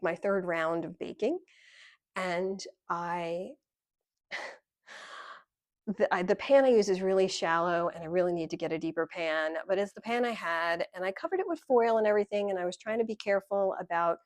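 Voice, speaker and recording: A woman's voice: fairly low pitch, no room sound, studio quality. A middle-aged woman vlogging a candid personal story, rambling with frequent ums.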